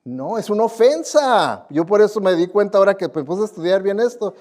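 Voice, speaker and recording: An animated pastor with a high, slightly mellow voice preaches fairly quickly to his congregation in a live church service. His sermon is conversational and admonishing, peppered with rhetorical questions and tags asking the listeners to agree.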